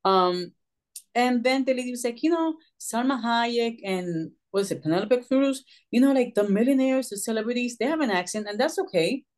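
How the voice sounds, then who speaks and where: A middle-aged Puerto Rican woman, a social worker and author, recounts her story in an interview, animated and acting out the voices of people she quotes. Her voice is fairly high and her pace moderate.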